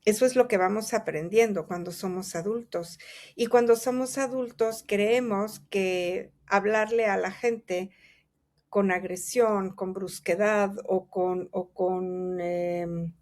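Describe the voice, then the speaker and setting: Woman guest, mid-pitched, calm and reflective, explains with examples and rhetorical questions. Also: takes it slowly. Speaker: guest speaker. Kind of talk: reflective conversational interview.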